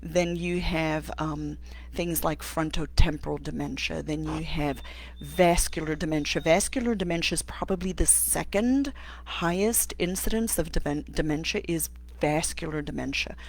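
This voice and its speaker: Her voice is low-pitched and gravelly: a middle-aged occupational therapist from South Africa acting as host of a live stream. Taking viewer questions, she thinks aloud and frequently pauses and starts over.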